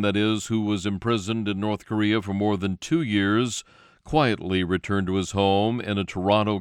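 A man's voice: lowish voice, clear, resonant tone, no echo, clean studio sound. A man reading scripted radio news as the anchor.

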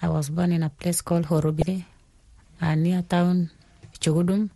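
A woman's voice: fairly low pitch, flat delivery, normal speed, warm tone, dry recording. A young woman athlete from South Sudan in her twenties, answering interview questions hesitantly and searching for her words. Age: 20s.

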